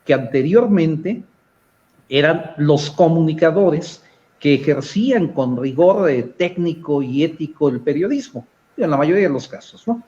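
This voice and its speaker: A man with a Mexican accent speaking as a panelist in a political discussion, measured and analytical, often pausing on hesitant fillers. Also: fairly high pitch, lively intonation, mellow, lo-fi sound.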